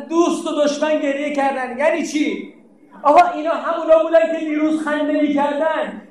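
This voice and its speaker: A man preaching a mourning sermon with chanted verse, impassioned and declaiming, his voice rising to cries. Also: extremely high pitch. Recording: very echoey hall, voice far from mic.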